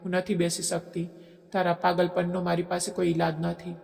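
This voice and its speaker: A man's voice: sits high, monotone, normal speed, vocal fry, a little mellow. A man voicing a frightened but defiant young woman in a storybook drama, pleading and raising his voice. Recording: echoey long reverb.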